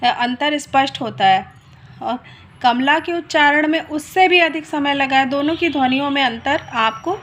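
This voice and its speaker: A woman teaching a grammar lesson, speaking slowly and repeating key words, stretching sounds to demonstrate them. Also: high voice, fairly bright tone. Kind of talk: slow explanatory lesson.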